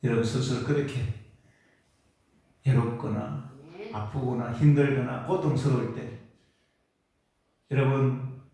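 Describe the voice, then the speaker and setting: A man's voice: mid-range voice, fairly even intonation, a little slow, gravelly, long pauses, mellow. A male pastor preaching a Sunday sermon in an earnest, coaxing way, often repeating phrases and prompting the congregation. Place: church sanctuary during Sunday service. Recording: echoey church hall from far off.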